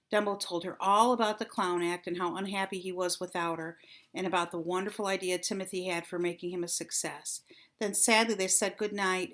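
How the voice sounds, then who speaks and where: Stretching words and shaping each line with slow, theatrical care, a grandmother reads a storybook to children. She speaks in a middle register with a slightly bright tone.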